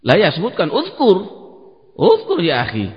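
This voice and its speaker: A male Indonesian-accented teacher drills his students on grammar, firing questions and correcting their answers with Arabic phrases woven in. His voice sits fairly high for a man and rings with a long reverb through a mosque hall, captured on a dull, lo-fi recording. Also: wildly swooping pitch, a little slow. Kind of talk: classroom lesson with quizzing of students.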